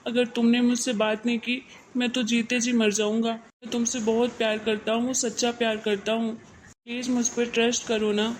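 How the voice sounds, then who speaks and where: A woman's voice: fairly high pitch, level tone, moderate pace, a little hiss or hum, close to an everyday voice, poor audio. A woman voicing a lovesick, earnest young man in a cartoon, pleading with his girlfriend.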